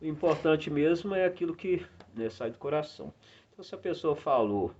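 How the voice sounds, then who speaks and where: A man's voice: fairly high pitch, expressive, brisk, darkish tone. A middle-aged man, a guest in a casual chat, talking earnestly about faith and filling his speech with "né". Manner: earnest, full of "né" fillers. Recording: dull lo-fi sound with faint noise.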